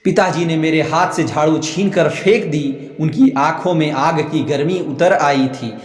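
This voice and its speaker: A man with a Bihari Hindi accent, teaching a literature lesson. He reads passages from the text and then explains them to his students, checking that they follow. His voice sits a little high and carries a lot of room echo with a long reverb tail. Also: unhurried.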